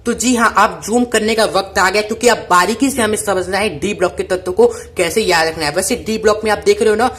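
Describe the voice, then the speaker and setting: Teacher, woman, repetitive drill-style explainer, mid-pitched. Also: fast talker, hardly any pauses, fairly bright tone. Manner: repetitive, call-and-response drilling. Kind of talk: chemistry mnemonic lesson.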